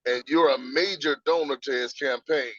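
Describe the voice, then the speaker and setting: A man speaking like a preacher, quoting scripture and laying out his points one by one at a middling pitch. His voice comes over a dry, dull video call. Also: fairly even intonation, moderate pace, fairly bright tone, no echo. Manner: preacherly, quotes scripture, explains step by step. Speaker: guest. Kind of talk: casual interview, teaching.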